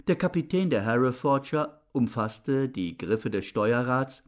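Measured male audiobook narrator. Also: medium pitch, expressive. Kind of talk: scripted narration.

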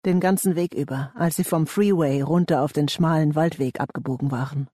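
A man reading a thriller audiobook in a measured, tense storytelling manner. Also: a little high, dark tone, no room sound, clean studio sound. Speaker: audiobook narrator. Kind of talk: scripted thriller narration.

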